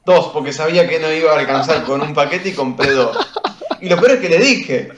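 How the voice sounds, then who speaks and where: Higher-voiced Argentine guy in echoey room. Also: expressive, fairly quick, muffled recording. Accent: Argentine Rioplatense Spanish. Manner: rambling, swearing, laughs at himself. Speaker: podcast co-host. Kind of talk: casual storytelling chat. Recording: echoey room with faint noise.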